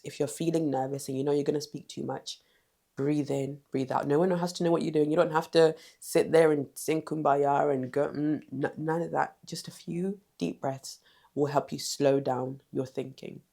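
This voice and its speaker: A woman's voice: low-pitched, steady tone, moderate pace, vocal fry, darkish tone. A woman giving direct, emphatic confidence advice in a vlog, repeating short commands. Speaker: confidence coach.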